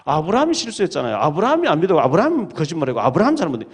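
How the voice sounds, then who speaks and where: A man's voice: fairly high pitch, huge pitch swings, racing, breathy edge. A male pastor preaching a sermon in a church, reading scripture aloud and retelling the stories with dramatic emphasis. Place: church sanctuary.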